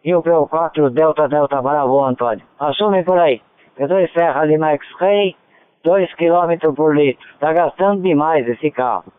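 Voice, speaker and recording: A man's voice: fairly high pitch, moderate pace, clear, resonant tone, no echo. A man running a ham radio net over a two-way radio, easygoing and checking in with each station. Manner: easygoing, repeats call signs, checks in with "tá ok?". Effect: transmitted over a two-way radio. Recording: narrow tinny radio transmission.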